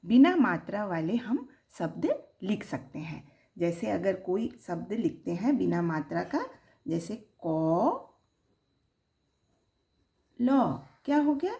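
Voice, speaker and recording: Woman teacher for a children's lesson: slow and drawn-out, lively sing-song pitch, sounding out syllables. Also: creaky. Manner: sing-song, rising on the example words.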